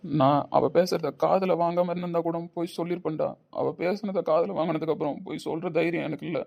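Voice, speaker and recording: Guy doing a guilty lovesick young husband, high quick voice, kinda dark tone. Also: steady tone, gravelly. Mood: despairing. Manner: emotional, pleading.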